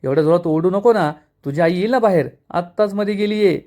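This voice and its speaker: A man voicing a nervous teenage boy who pleads in a hushed way. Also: high-pitched, fast talker, close to an everyday voice. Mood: pleading.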